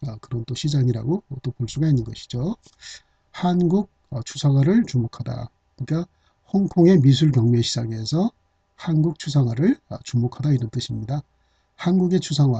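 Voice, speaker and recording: A man's voice: medium pitch, vocal fry, warm tone, husky, dry recording. A middle-aged man teaching Chinese-character vocabulary, explaining patiently with many "ah" and "uh" fillers. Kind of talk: hanja vocabulary lesson. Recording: dull, slightly lo-fi dry recording.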